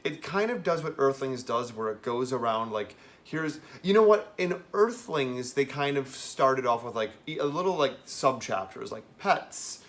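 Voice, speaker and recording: A man with a mid-pitched voice talks through a film review as a host. His delivery is casual and campy, with wry little asides tucked into the chat. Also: lively intonation, measured pace, hardly any pauses, fairly bright tone.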